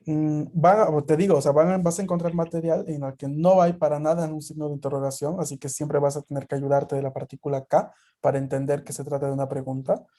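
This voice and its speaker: A man's voice: fairly high pitch, little pitch movement, quick pace, hardly any pauses, mellow. A man teaching a language class over a video call, explaining patiently with many fillers. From Peru.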